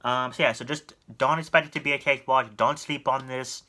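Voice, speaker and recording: A man's voice: medium pitch, steady tone, fairly quick, sharp tone. A young man giving earnest, rambling advice in a casual vlog, with frequent ums and self-corrections. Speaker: YouTuber giving collector advice. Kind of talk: casual talking-head vlog.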